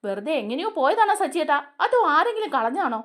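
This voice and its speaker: A woman's voice: high voice, big pitch swings, fast, a bit bright. A woman voicing an angry young man from a TV serial, accusing and raising her voice. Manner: accusing, raised voice.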